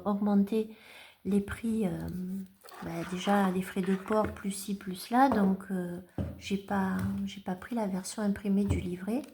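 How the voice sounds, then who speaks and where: With a warm, mid-range voice, a woman chats at home while presenting her tarot collection in a relaxed show-and-tell vlog. She stumbles often, using fillers and starting sentences over, and there's slight background noise.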